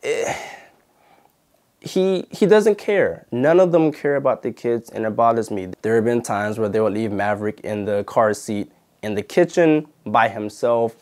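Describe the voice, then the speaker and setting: A young man who hosts a channel and used to be a videographer tells a story to camera in a casual, indignant way, packed with "like" and "you know." His voice is mid-range, unhurried, and somewhat dark in tone.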